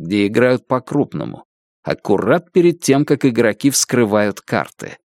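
A man reading an audiobook in measured, expressive scripted narration. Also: mid-range voice, dry recording, clean studio sound.

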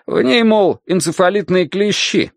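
A man voicing an unhurried, dryly ironic male janitor who speaks deliberately. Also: high-pitched, gravelly, no echo, pitched above the performer's own voice.

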